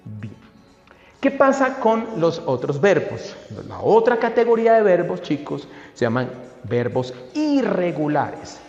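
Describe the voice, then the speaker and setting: A man explains English grammar to a class with an animated, fairly high-pitched voice, often pausing to check that his students follow. The room is echoey and the reverb lingers, with faint music playing underneath. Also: dull audio. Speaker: English teacher.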